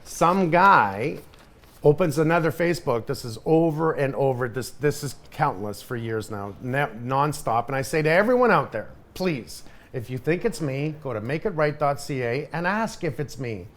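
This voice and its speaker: A middle-aged man hosting a podcast, telling a story in casual chat with animated, emphatic delivery and lots of repetition. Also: on the high side, moderate pace. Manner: animated, emphatic, repeats himself. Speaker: podcast host.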